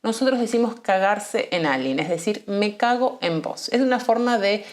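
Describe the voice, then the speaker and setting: A woman with an Argentine accent gives a Spanish lesson. She explains clearly and patiently, and slows down to repeat key words. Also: medium pitch, animated. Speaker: Spanish teacher.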